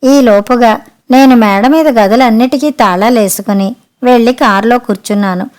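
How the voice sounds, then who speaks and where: A woman reading a family story aloud in the first person, her voice pitched fairly high. She tells it in a lively, wry way, as in an audiobook. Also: normal speed. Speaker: narrator. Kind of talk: storybook narration.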